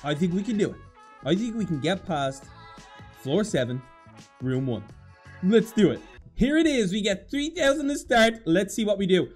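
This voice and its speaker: High-voiced excitable gamer man. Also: moderate pace, faint music behind. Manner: animated, dramatic, self-mocking. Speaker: gaming YouTuber. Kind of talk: excited gameplay commentary.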